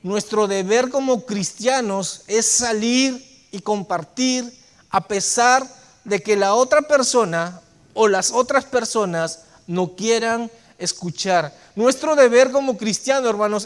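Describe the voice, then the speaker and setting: A male pastor preaching a fervent sermon, swinging from loud, emphatic phrases to soft, low endings and repeatedly calling out to his congregation. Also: takes it slowly. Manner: repeatedly addresses the congregation as brethren. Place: church sanctuary.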